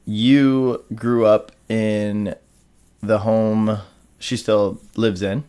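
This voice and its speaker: A young man hosting a casual podcast chat, relaxed and rambling, with many fillers. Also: lowish voice, extremely slow, clean tone. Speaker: podcast host.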